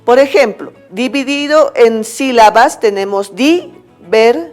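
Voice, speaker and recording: A Bolivian woman teacher explains a lesson slowly and patiently, her voice a little high. She checks in with her class after each point. Soft music plays faintly behind her. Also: animated. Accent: Bolivian Spanish. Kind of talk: recorded school lesson.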